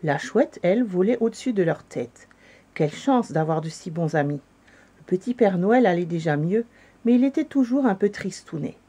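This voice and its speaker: A woman reading a children's story aloud, with calm, gentle narration. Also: lowish voice, normal speed, husky.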